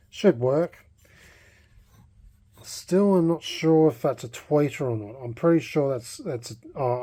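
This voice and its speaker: A hobbyist vlogger restoring a vintage radio talks through the project in an unscripted vlog, his voice mellow, relaxed, and middling in pitch. He speaks casually and haltingly, hesitating as he thinks aloud through each idea.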